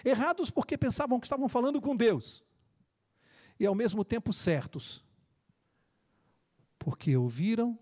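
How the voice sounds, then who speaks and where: A preacher giving a sermon with lively storytelling and an earnest appeal. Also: mid-range voice, a little slow, pauses often, big-room sound.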